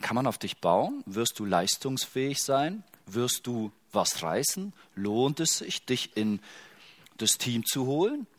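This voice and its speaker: A middle-aged male pastor giving a sermon in an easygoing, conversational manner. He jokes now and then and keeps putting direct questions to the congregation. His voice sits at an ordinary middle pitch. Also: big pitch swings, slow pace. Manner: conversational, asks the listeners many questions; casual and joking.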